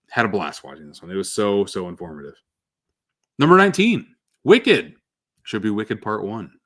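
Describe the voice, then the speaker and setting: Animated, low-voiced male movie reviewer. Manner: animated, jumps up in pitch when announcing numbers. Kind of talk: casual movie ranking commentary.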